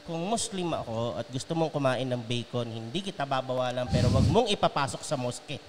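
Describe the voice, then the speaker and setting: A man's voice: medium pitch, lively intonation, brisk. A pastor talking in a casual discussion, making his point through examples and checking in often with his listeners. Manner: explains by examples and checks in with "okay?". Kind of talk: casual chat.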